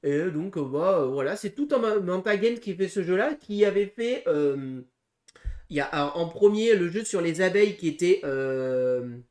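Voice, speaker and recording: A man co-hosting a casual board game preview, talking through game rules with frequent pauses and restarts. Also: sits high, expressive, darkish tone. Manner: hesitant, full of pauses and restarts while explaining rules. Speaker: board game channel co-host.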